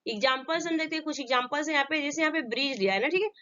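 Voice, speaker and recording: A woman's voice: high-pitched, very fast, bright, forceful tone. A woman teaching a classroom lesson, often asking a question and answering it herself. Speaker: English teacher. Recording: dull lo-fi recording.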